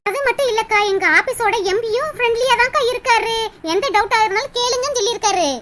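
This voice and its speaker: A woman's voice: very high-pitched, fast talker. A woman playing a polite young office worker. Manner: polite, deferential. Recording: noisy recording with steady hiss.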